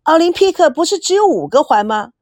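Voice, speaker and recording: A woman's voice: high-pitched, fairly quick, no echo, clean studio sound, pitched above the performer's own voice. A woman playing a bubbly spoiled teenage granddaughter. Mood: excited chatty. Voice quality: bright, coaxing, lively.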